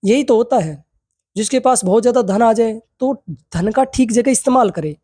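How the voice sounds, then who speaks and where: In a yoga theory lecture, a man slowly reads English text aloud and then explains it in Hindi, frequently using tag questions and posing rhetorical questions to his students. His voice is very high and mellow, recorded at studio quality with no room sound.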